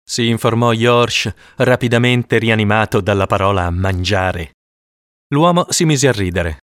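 A man narrating an audiobook in an expressive storytelling manner. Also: on the low side, unhurried, dry recording, studio quality.

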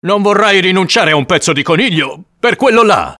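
A man's voice: mid-range voice, very animated, moderate pace, fairly bright tone, no echo, studio quality, pitched above the performer's own voice. A man reading the part of a blunt, exasperated adult hunter in an audiobook. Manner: blunt, practical.

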